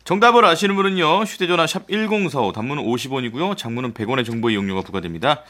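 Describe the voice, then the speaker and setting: A man's voice: mid-range voice, animated, very fast, sharp tone. A man in his thirties hosting a radio show, chatting affably and reading out listener messages. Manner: affable, reads listener texts aloud. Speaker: radio host. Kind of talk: radio chat.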